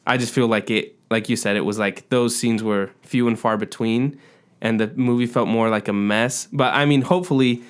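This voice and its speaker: A man's voice: medium pitch, fairly even intonation, moderate pace, clear, resonant tone. Rambling male podcast co-host. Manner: rambling, hesitant with many fillers. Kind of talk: casual chat.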